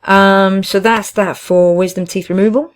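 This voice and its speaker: A woman chatting casually and giving personal advice, in a hesitant, halting way with frequent self-corrections. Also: mid-range voice, fairly even intonation. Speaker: vlogger, teaching assistant.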